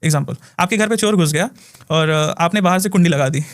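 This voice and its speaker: Man with a high voice, healer guy on a podcast, animated storytelling with laughs. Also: brisk. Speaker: spiritual healer. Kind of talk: casual podcast chat.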